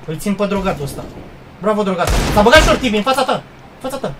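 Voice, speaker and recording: A man calls the shots in a team shooter game and keeps firing crude insults at his teammates, his pitch leaping all over the place as he shouts. Gunfire and game noise sit clearly under his voice on this busy stream. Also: lively intonation. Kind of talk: profane live gaming commentary. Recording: noisy stream audio with gunfire behind.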